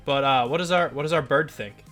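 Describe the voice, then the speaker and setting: Young male let's-play host, a little high-pitched, congested, chatty and rambling, soft music bed behind. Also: brisk. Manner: chatty, rambling, lots of fillers. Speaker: gaming channel host. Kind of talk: casual let's play commentary.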